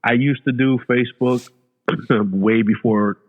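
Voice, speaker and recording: This podcast guest, a man in his late thirties, talks casually at a slow pace, his mid-range voice holding a steady tone. Repeated words and frequent "you know"s fill his speech, which comes through a phone-like remote connection with long reverb.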